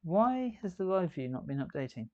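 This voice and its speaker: A man's voice: high voice, sing-song, moderate pace, mellow, dry recording, dull audio. A man hosting a live building stream, chatting and thinking aloud as he works. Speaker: host.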